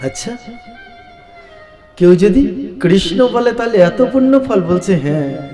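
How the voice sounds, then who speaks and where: A man reciting scripture as a devotional storytelling sermon, slow and sing-song, speaking directly to his listeners. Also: very high voice, warm tone. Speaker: Bhagavata reciter. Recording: echoey hall, faint violin music.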